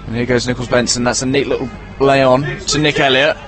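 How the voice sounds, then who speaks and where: Chatty football commentator, outdoors. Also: male voice, medium pitch, fairly even intonation, a little fast, over music, a crowd in the background. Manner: chatty, stumbles over player names. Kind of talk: live match commentary.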